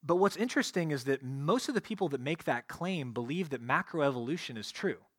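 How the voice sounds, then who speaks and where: A man's voice: a little high, expressive, fairly quick, fairly bright tone, slightly rough, no room sound. Man preaching in a dry, close sound. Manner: expository preaching, reading scripture aloud and explaining it. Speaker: pastor. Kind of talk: sermon.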